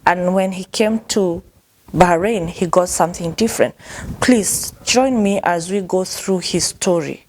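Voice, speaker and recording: A woman's voice: fairly low pitch, measured pace, darkish tone. A woman hosting her own show, thanking viewers politely and interviewing a guest. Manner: polite, many thank-yous, frequent mm-hmms. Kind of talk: vlog intro and interview.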